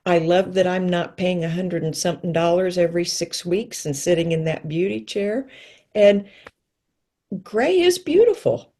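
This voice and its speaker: Woman, sixties, mellow low-ish voice, chatty guest who acts out the lines she quotes. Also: moderate pace. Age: 60s. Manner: lively storyteller, acts out quotes with pitch leaps. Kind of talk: casual interview chat.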